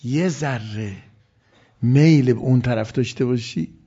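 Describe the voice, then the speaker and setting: A man giving a religious sermon, swinging between loud emphasis and hushed, near-whispered lines. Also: mid-range voice, slightly rough. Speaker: preacher. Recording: dull lo-fi recording.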